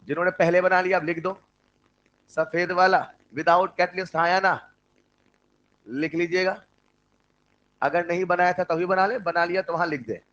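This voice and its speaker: A man teaching chemistry in an online class, with an Indian accent when he switches to English, who dictates notes slowly and jokes with his students. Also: sits high, fairly even intonation, a bit bright, dull audio. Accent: Indian English mixed into Hindi.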